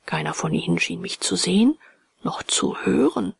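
A woman reading a ghost story aloud, often half-whispered, slow and hushed. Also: fairly low pitch, wildly swooping pitch, vocal fry, husky, no echo. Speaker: audiobook reader. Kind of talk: scripted narration of a ghost story.

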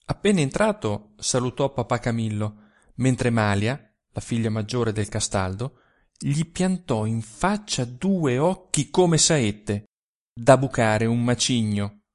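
A man narrating a literary short story for a volunteer audiobook in an expressive reading style. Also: mid-range voice, slow.

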